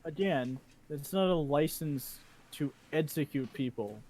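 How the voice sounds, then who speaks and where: Man, higher-pitched voice, casual game-table talk, argumentative, explanatory. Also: measured pace, darkish tone, slight background noise, poor audio.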